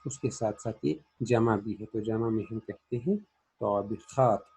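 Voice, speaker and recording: Male language teacher, warm and slightly raspy, methodical question-and-answer drilling. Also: lowish voice, fairly even intonation, unhurried, poor audio. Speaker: Arabic grammar teacher. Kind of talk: classroom grammar lesson.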